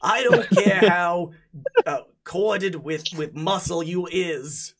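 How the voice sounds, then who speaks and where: Man putting on a high-pitched swaggering spaghetti golem. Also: very animated, slow pace, creaky, crowd noise, heavily acted. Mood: brash boasting. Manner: brash mobster-style bluster with slangy grammar. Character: swaggering anthropomorphic spaghetti golem, small-town tough guy, male. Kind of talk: tabletop role-play character voice.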